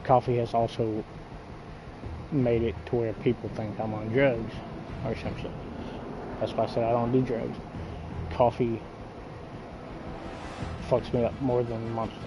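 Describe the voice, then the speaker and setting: This gaming video creator speaks flatly at a measured pace with long pauses and a medium pitch, against background noise. He rambles bluntly and crudely, swearing a lot while he has dipping tobacco in his lip.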